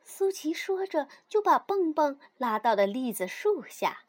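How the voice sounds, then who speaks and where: A woman narrating a children's story in an expressive, animated reading style. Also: high voice, measured pace.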